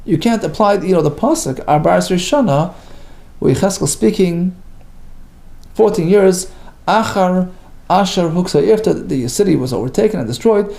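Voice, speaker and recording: Reading and explaining the daily page, this Talmud teacher speaks in a high-pitched, gravelly voice at a normal pace. He's lively and emphatic, reading out Hebrew and Aramaic phrases before translating them.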